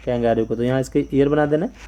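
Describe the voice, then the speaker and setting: This Hindi-speaking teacher, a man with an Indian accent, explains a lesson one step at a time and spells out words letter by letter. His mid-range voice is steady, fast, warm and clean.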